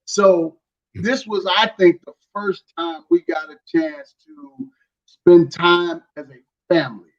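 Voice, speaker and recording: A man's voice: sits high, takes it slowly. A man in his forties, a guest husband, talking loosely and chuckling in casual chat. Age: 40s. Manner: talkative, chuckling, loose and informal. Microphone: video call. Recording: distant muffled video-call mic.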